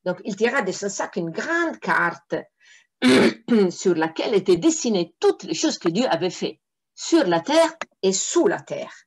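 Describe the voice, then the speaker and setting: A woman reading a fairy tale aloud for children, often pausing to explain words to her listeners. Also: medium pitch, big pitch swings, slightly rough. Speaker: storyteller.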